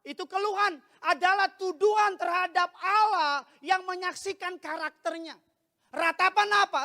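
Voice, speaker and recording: A man preaching an animated, joking sermon as a pastor. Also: very high-pitched. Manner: animated preaching with playful jokes and sudden shouted lines. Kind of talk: lively sermon. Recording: long hall reverb.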